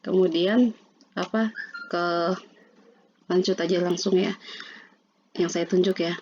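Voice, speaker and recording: Lady slowly drilling quran letter sounds, kinda dull lo-fi audio. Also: on the low side, steady tone, darkish tone, breathy edge. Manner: slow, repeats syllables, many fillers. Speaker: Quran reading teacher. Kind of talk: pronunciation lesson with drills.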